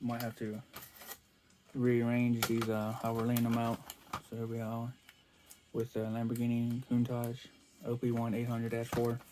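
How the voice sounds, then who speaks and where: A man's voice: medium pitch, monotone, measured pace, pauses often, background noise. A man chatting casually as he unboxes toy cars for his vlog, rambling and restarting his sentences a lot. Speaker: toy car collector vlogger.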